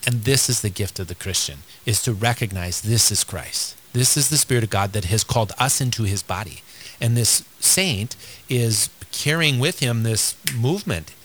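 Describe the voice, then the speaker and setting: A man hosting a radio show in casual chat, enthusiastic and quick to laugh, recorded in a studio. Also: fairly low pitch, animated, fairly bright tone.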